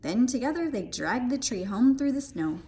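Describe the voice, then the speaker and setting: A woman reads a children's picture book aloud in an expressive, sing-song manner. Her voice is fairly high and swoops widely in pitch, keeping the story playful. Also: moderate pace.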